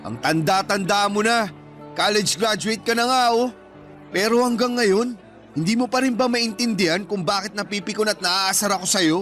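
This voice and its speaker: In a radio drama with music underneath, a man in his thirties plays an embittered older brother exhausted from supporting his family. His Filipino-accented voice is very high for a man and bright, emotional and wounded with hurt indignation, irritated in mood and delivered at a moderate pace.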